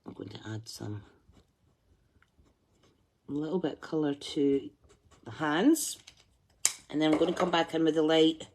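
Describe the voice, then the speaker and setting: Colouring live for a craft tutorial, a woman chats, thinks aloud, and hums while concentrating. She speaks at a measured pace with frequent pauses, her low-pitched voice darkish in tone, and there's a little hiss or hum in the audio.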